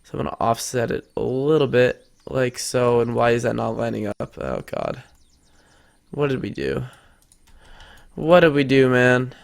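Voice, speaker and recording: Here a teenage boy with a creaky, medium-pitched voice leads a laid-back screen-recorded game tutorial, very animated yet unhurried. He talks chattily and reasons out loud during the build, his nose a bit stuffed up.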